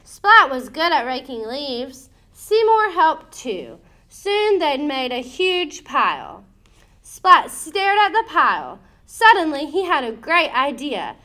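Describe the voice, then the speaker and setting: This is a high-voiced woman narrating a children's story; her read-aloud is expressive, dramatic, and deliberately emphasized.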